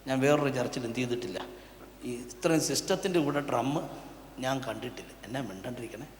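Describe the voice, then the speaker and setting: Pastor preaching in an echoey hall. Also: male voice, medium pitch, expressive, fast, slight background noise. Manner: swings from quiet asides to loud impassioned preaching. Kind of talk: sermon. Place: church prayer hall. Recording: echoey church hall, long reverb.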